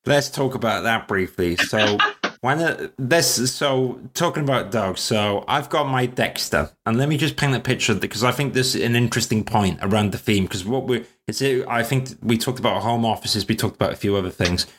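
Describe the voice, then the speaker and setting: A man's voice: medium pitch, moderate pace, fairly bright tone. A man from Wales hosting a podcast, chatting in a rambling, self-deprecating way. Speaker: podcast host. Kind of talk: casual chat.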